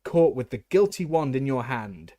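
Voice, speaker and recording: A man's voice: mid-range voice, sing-song, normal speed, no echo, voice pushed up. A stern middle-aged wizard official barks and accuses, pushing hard on every word, played by a male audiobook reader. The reading is dry and close to the mic. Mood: stern accusing. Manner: barking, accusing.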